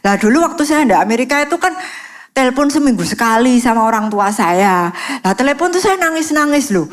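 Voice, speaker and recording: A woman's voice: high-pitched, brisk. East Javanese woman telling her testimony. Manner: lively storytelling, sprinkling English phrases. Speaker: guest speaker. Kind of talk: personal testimony in a church service.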